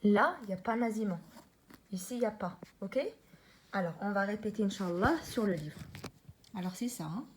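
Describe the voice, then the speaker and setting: A woman teaching a Quran reading lesson, patiently explaining and repeating letters slowly for learners, and chanting the letters louder. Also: mid-range voice, slight background noise.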